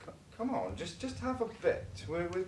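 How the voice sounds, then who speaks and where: A man's voice: sits high, wildly swooping pitch, moderate pace, darkish tone, a little hiss or hum. A man playing a bitter drunken old father on a college stage, rambling and stammering as he pleads and rails. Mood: wheedling. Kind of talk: stage play acting. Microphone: distant room microphone. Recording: echoey stage recorded from far off.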